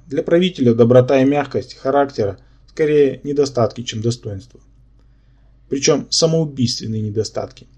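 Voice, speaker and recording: A man reading a fantasy audiobook in first person, with a wry, measured delivery. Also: medium pitch, mellow, breathy edge, highs cut off. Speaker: audiobook narrator.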